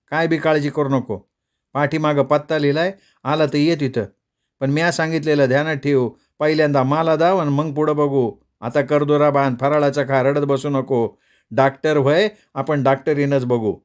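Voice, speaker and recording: A man's voice: fairly high pitch, fairly even intonation, moderate pace, natural voice. A man reading aloud a rustic young woman's fond, bossy letter to her brother. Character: affectionate village girl writing to her brother.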